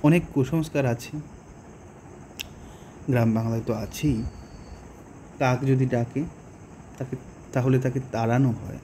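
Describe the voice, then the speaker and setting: A man with a Bengali accent explaining a poem to students, slowly and patiently, with pauses and rhetorical questions. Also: medium pitch, fairly even intonation, warm tone, slight background noise. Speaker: teacher. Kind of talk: poetry lesson explanation.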